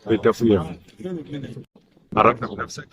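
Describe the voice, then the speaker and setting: Crowd noise surrounds this interviewer, an Egyptian-accented man with a fairly low voice who speaks at a moderate pace. Working at a youth football academy, he fires quick, short questions at young players and repeats what they say back to them.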